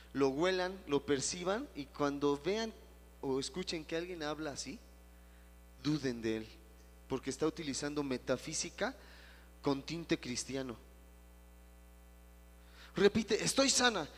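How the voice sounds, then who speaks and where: A man's voice: a little high, moderate pace. A male pastor teaching a Bible study, telling stories with emphatic repetition. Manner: animated storytelling with emphatic repetition. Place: church auditorium. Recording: long reverb in a hall.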